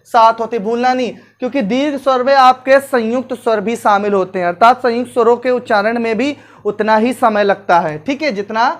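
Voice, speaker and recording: A woman's voice: a little high, a little fast, hardly any pauses. A woman teacher giving an exam-prep lecture, repeating points and asking questions that she answers herself. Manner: repetitive drilling, asks and answers own questions.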